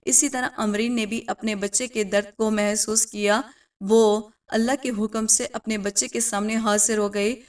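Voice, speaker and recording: A woman's voice: mid-range voice, little pitch movement, distant mic. A woman storyteller narrating a moral story with emotional, dramatic storytelling.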